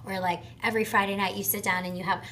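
A woman's voice: medium pitch, a little hiss or hum. A woman in her twenties, a podcast guest chatting casually and animatedly, often jumping in with agreement. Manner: animated, quick to jump in with agreement. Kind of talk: casual conversation.

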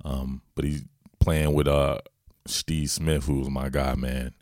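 This football analyst from the American South hosts a casual solo show, using slang and chatting familiarly with his audience in a Southern accent. His rumbling low voice is level, slow and darkish, recorded in studio quality with no room sound.

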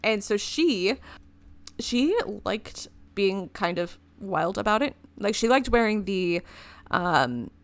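A woman's voice: medium pitch, sing-song, takes it slowly, dry recording. A woman co-hosting a podcast, telling a history story in a rambling, casual way and laughing often. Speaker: podcast co-host.

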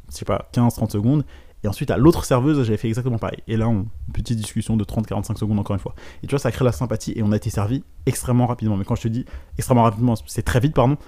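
A young man hosting a podcast, telling a story casually to the listener and acting out the lines of the people in it. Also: on the low side. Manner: addresses listener directly, quotes dialogue with lively voices. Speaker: podcast host, business coach.

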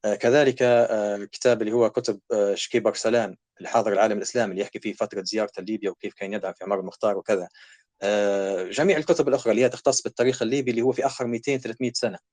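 A man's voice: lowish voice, steady tone, racing, darkish tone, no room sound. A man with a Libyan accent, a guest scholar making a passionate, argumentative case in a talk show.

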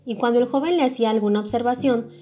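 A woman's voice: fairly high pitch, fast talker, dark tone, lightly acted. A woman voicing a gossipy female water rat. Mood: chatty. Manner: chatty, self-important.

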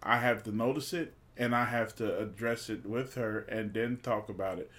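A man's voice: on the low side, moderate pace, a bit bright. A man co-hosting a relationship podcast, talking casually and informally, joking with his partner. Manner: laid-back, joking, informal. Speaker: podcast co-host.

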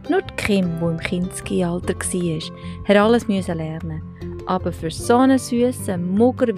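She's a Swiss woman in her forties, a mother and vlogger chatting casually to the camera with a Swiss German accent and a medium-pitched voice. She laughs frequently and drops English words into her speech.

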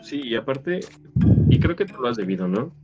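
Man in casual chat, reflective and measured, dull lo-fi audio. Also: medium pitch, big pitch swings, slightly rough. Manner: reflective, thinks aloud. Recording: slightly muffled, faint music.

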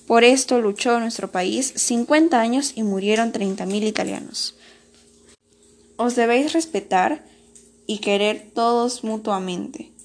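Storybook part: a grave, solemn male teacher, read by a woman. He is formal and earnest and speaks in measured lines. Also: fairly high pitch, a little mellow. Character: solemn, stern male schoolteacher, middle-aged.

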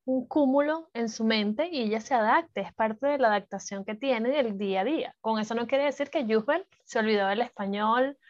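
A woman's voice: fairly high pitch, moderate pace, few pauses, highs cut off. A woman on a casual podcast, talking thoughtfully and explaining her view at length. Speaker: podcast co-host. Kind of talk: casual chat.

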